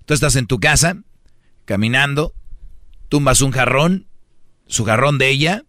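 A man's voice: mid-range voice, measured pace, pushed and bright, dry recording, clean studio sound. A man with a Mexican accent, hosting an advice talk show for men and speaking in a brash, slangy, mocking way. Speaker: host giving relationship advice to men.

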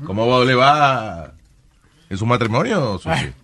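A man's voice: mid-range voice, very animated, unhurried, background noise. Teasing male radio co-host. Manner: teasing, mocking asides. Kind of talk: comedic radio banter.

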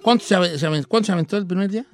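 A man's voice: high-pitched, rapid-fire, faint music behind. A man with a Mexican accent hosting a morning radio show, telling a folksy joke story full of slang and asides to the listeners.

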